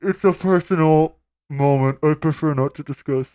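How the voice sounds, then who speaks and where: Deadpan man echoing like in a tunnel. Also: fairly high pitch, normal speed, smooth. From Canada. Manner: deadpan, stiff, oddly formal delivery. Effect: echoing, as if talking in a tunnel. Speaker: podcast guest. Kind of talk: comedic podcast banter.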